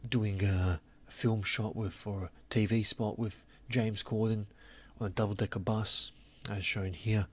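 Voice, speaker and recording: A man's voice: lowish voice, flat delivery, a little slow, few pauses. A man giving scornful, sarcastic commentary to his audience, stretching words for emphasis. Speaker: commentary channel host. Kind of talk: opinionated commentary.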